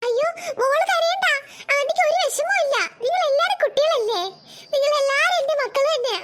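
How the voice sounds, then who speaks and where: A woman's voice: very high-pitched, lively intonation, a little fast, fairly bright tone. A woman voicing a kind, cheerful auntie in a cartoon, sweet and soothing.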